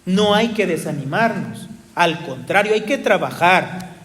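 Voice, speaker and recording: A man's voice: high-pitched, animated, unhurried, a bit bright. Man, sermon, earnest exhortation, echoey room. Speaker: preacher. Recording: echoey hall reverb.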